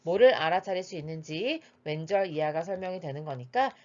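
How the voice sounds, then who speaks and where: A woman's voice: on the low side, fairly quick, darkish tone. A woman teaching English, going through an exam reading passage line by line in a patient, methodical way with frequent "uh" fillers. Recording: slightly dull lo-fi recording.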